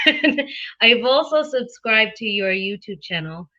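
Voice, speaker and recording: Bubbly 30s woman hosting a chat over a call, bright sharp voice, dull lo-fi audio. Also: on the high side, lively intonation. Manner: bubbly, laughs often, halting with fillers. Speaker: realtor and show host. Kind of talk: casual interview chat.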